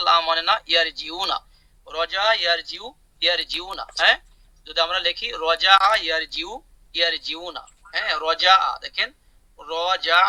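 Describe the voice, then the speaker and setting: A man's voice: fairly high pitch, sharp tone, no echo, low-quality recording. A man teaching Arabic vocabulary in an online class, repeating words, explaining them and asking his students questions. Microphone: video call.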